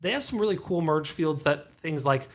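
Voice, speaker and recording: Animated man hosting a podcast. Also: fairly high pitch, moderate pace. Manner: animated storyteller who acts out quoted dialogue. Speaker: podcast host. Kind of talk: casual podcast interview.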